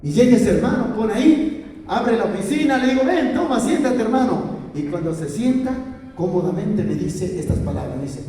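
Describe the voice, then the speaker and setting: A man's voice: lively intonation, normal speed, dark tone. A man from Peru with a Peruvian Spanish accent, a church elder telling his testimony as a sermon, his voice climbing into impassioned pleading as he retells his prayers. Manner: rises to high impassioned pleading when quoting his prayers. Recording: echoey hall from far off.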